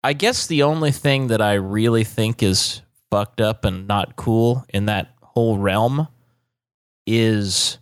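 Slow and lowish in voice, a man trades blunt, curse-laden hot takes as co-host of a laid-back podcast. It's profane trash talk in casual chat, recorded dry at studio quality.

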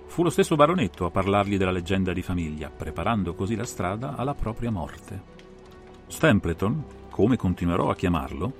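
A man, working as an audiobook reader and interpreter, voices an analytical gentleman detective recounting a solved case in a dramatized audiobook. His lowish, creaky voice delivers measured, theatrical phrasing.

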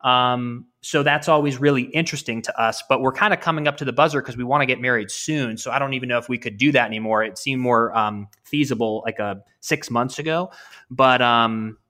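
A man in his thirties, a guest on a podcast, who talks with eager enthusiasm and often restarts his sentences. His tone is bright and forward. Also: medium pitch, brisk. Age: 30s. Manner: rambling, restarts a lot, enthusiastic. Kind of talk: casual interview chat.

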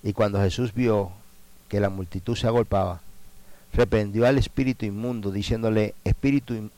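A man preaching a sermon, moving from quiet prayerful lines to loud, emphatic cries. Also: fairly low pitch, fairly even intonation, moderate pace, dry recording, rough recording.

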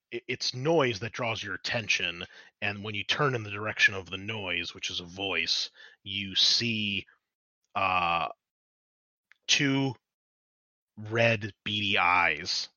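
A man's voice: fairly low pitch, sharp tone, no room sound, highs cut off. A man narrating scenes as game master in a descriptive, rambling way. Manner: descriptive, with frequent fillers and restarts.

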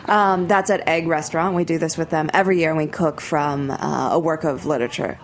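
Woman, low voice, quick casual chat, radio guest, lots of fillers. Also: steady tone. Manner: quick, chatty, many fillers. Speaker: guest, event co-organizer.

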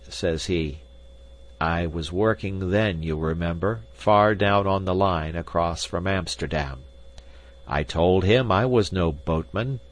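Man playing a feverish, troubled laborer. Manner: halting, low and quiet. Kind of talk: audiobook character voice.

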